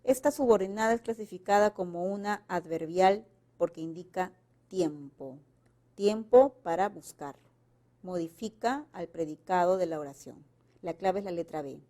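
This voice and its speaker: Woman teacher, from Peru, warm mellow voice, exam answer walkthrough, acts out example sentences. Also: lowish voice, normal speed. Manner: reads example sentences with marked intonation.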